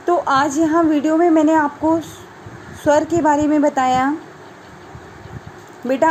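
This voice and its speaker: A woman teaching a grammar lesson in a high voice. She speaks slowly and clearly, reading out examples one at a time. A faint hiss of noise sits under the recording. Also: a little mellow, poor audio. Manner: slow, clear explanation with listed examples.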